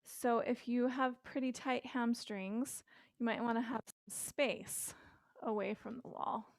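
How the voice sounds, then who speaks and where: Slow, gravelly-voiced woman yoga teacher. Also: a little high, no room sound, clean studio sound. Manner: calm, slow, gentle guidance with casual fillers. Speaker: yoga instructor. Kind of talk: guided yoga instruction.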